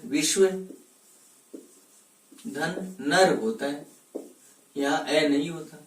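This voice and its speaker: A male teacher giving a classroom grammar lesson, asking questions and answering them himself, breaking words slowly into their parts. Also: a little high, recorded from a distance. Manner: slow and deliberate, stresses each part of a word. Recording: echoey room, voice from off mic.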